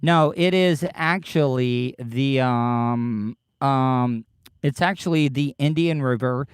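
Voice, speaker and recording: A man hosting a casual livestream, talking haltingly and defensively with profanity, his speech slightly slurred as if his lip is full of dip. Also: mid-range voice, clear, resonant tone, dry recording, clean studio sound. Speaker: podcast livestream host. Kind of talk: casual livestream chat, answering live commenters.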